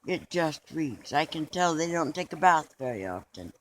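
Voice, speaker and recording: A man's voice: a little high, big pitch swings, normal speed, fairly bright tone, a little hiss or hum, low-quality recording. A man being interviewed in a mock documentary, talking in an earnest, rambling way with restarts.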